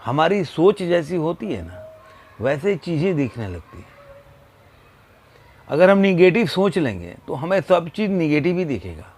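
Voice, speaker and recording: A man telling a moral story in a slow, unhurried way, pausing often between phrases, with a Hindi accent. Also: fairly high pitch, big pitch swings, darkish tone. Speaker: motivational speaker.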